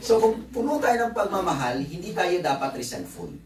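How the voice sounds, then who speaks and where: A man's voice: sits high, sing-song, a little fast, roomy sound, far from the mic, slight background noise, rough recording. A man preaching a conference sermon in a conversational, joking way, with asides to the congregation. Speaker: pastor. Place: church hall.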